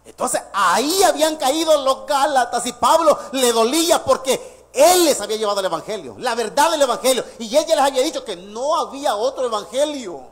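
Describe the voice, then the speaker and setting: A male pastor preaching a sermon, lively and laughing between points, quizzing the congregation with questions. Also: very high-pitched, a little fast.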